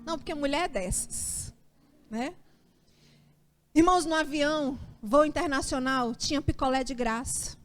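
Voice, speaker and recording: A woman's voice: high voice, unhurried, soft background music. A woman pastor with a Brazilian Portuguese accent preaching a sermon, telling a personal story and acting out her own anxious prayers. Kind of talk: sermon testimony.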